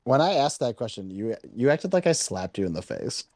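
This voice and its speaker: A man's voice: medium pitch, sing-song, a little fast, a little mellow, no echo. A man hosting a casual podcast chat, teasing his co-hosts bluntly and swearing now and then.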